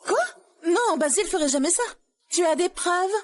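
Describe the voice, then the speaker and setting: An impatient, dismissive young woman in a dubbed drama. Her voice is high, and she scolds in a bossy tone. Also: lively intonation, moderate pace. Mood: worried.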